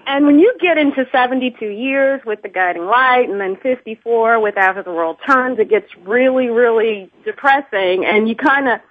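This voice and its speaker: A woman's voice: fairly high pitch, moderate pace, hardly any pauses, dry recording. A woman from Georgia calling in to a radio show over a thin, clipped telephone line, chatty and laughing between remarks. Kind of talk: casual phone chat. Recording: narrow-band phone call, dry.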